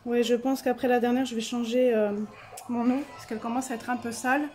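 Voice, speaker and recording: A woman's voice: a little high, level tone, a little fast, darkish tone. A woman vlogging casually at home while testing paint colours, chatty and full of fillers. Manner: chatty, filler-heavy, self-correcting.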